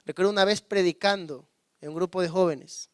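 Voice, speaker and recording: High-voiced preaching man, dry sound. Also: fairly even intonation, brisk, clear, resonant tone, dry recording. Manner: calls on the congregation to repeat words; swings between loud emphasis and hushed low asides. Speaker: pastor. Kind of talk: sermon.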